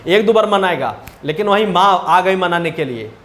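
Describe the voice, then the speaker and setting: Chatty high-voiced male teacher, echoey room. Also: animated, normal speed, a bit bright. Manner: chatty, keeps asking the class if they follow. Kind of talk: storytelling lesson retelling a chapter.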